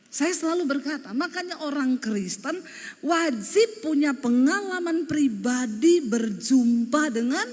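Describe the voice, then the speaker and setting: A woman pastor from Sulawesi with a Sulawesi Indonesian accent, preaching an animated, joking sermon. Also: sits high, big-room sound. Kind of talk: humorous sermon.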